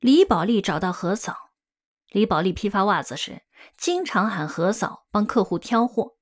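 A woman narrating a novel as an audiobook, expressive and acting out the dialogue. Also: mid-range voice, normal speed.

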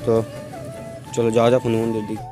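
A young man chats quickly through a casual outdoor vlog, his pitch staying flat and even. He keeps repeating filler phrases and sometimes drops to a hushed voice. Music plays clearly beneath him. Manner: chatty, repeats filler phrases, lowers voice to near-hushed at times. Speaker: vlogger. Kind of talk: casual walking vlog commentary. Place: outdoors at a temple garden.

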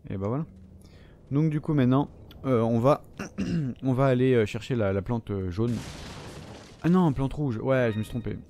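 A man's voice: mid-range voice, normal speed, long pauses, mellow. A French man commenting on his own gameplay, swearing and reacting as he plays. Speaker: gamer. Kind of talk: let's play commentary. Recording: noisy background.

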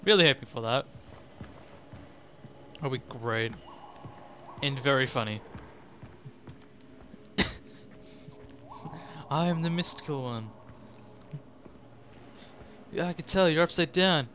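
Man, game commentary, slow-talking, bright tone, laughs a lot, sarcastic asides. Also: mid-range voice, a little hiss or hum. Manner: laughs often, mock-exasperated asides. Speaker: let's play gamer. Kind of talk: casual gameplay commentary.

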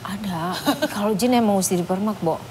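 A woman in her fifties from East Java, chatting as a singer guest on a TV talk show set, animated and laughing often. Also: mid-range voice, brisk, a loud crowd. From East Java, Indonesia. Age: 50s. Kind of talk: casual talk show chat. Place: TV studio set.

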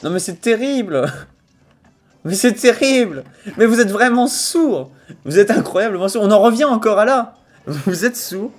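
An unhurried, high-pitched young man with a Sarthe French accent chats to viewers while streaming a video game. He uses a headset mic in a small room at home. His casual talk blends mock-outraged ranting with frequent laughing and loud excited outbursts.

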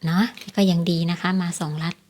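A woman's voice: on the low side, flat delivery, a little fast, a little mellow, a little hiss or hum. A woman hosting a casual tips vlog, explaining things to viewers, repeating her points and often checking for agreement with polite particles. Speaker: lottery tips channel host.

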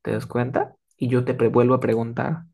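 A man's voice: medium pitch, flat delivery, fairly quick, creaky, darkish tone. A man teaching an English lesson, patient, checking often that students follow and acting out small example dialogues. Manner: acts out examples with switching voices. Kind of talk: live class explanation.

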